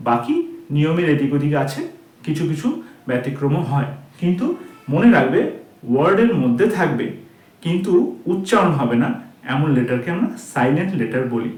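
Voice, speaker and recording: Guy teaching kids a lesson, repeats words over and over, bit high voiced, roomy echo. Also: expressive, a little mellow. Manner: patient, repeats words slowly to drill pronunciation. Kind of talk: explaining a lesson to children.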